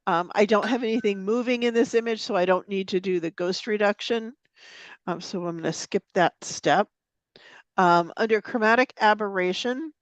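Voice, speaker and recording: This mid-range female voice comes through a dry recording with the highs cut off. Teaching a live photo editing demo, in a meeting room or online forum, she is chatty and laughs easily, uses lots of ums, and sniffles from a mild cold.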